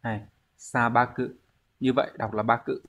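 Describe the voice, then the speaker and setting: A man's voice: mid-range voice, little pitch movement, moderate pace, a bit bright. A man, teaching a language exam review lesson, explaining step by step and answering his own questions.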